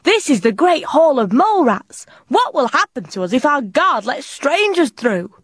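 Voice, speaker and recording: Mole rat queen, stern and silky, measured delivery, played by a woman; storybook creature, dry sound. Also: high voice, big pitch swings, no room sound, pitched above the performer's own voice.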